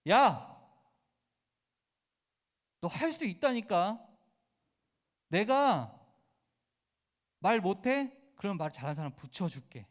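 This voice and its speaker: A man's voice: a little high, expressive, quick pace, hardly any pauses, close to an everyday voice. A preacher voicing God as a coaxing, stern father. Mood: exasperated. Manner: coaxing, then shouting in exasperation. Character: God, patient then stern male deity.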